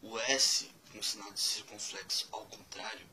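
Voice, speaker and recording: Slow, bright-voiced man teaching letters. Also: lowish voice, a little hiss or hum, low-quality recording. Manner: slow and deliberate, spelling out letters and repeating words. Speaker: language teacher. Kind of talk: casual spoken lesson.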